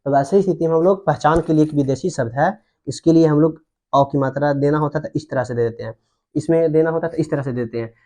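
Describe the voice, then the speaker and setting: A man's voice: a little high, fast talker, warm tone. A man teaching Hindi grammar at a board, who repeats terms and asks his students questions. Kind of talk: whiteboard grammar lesson.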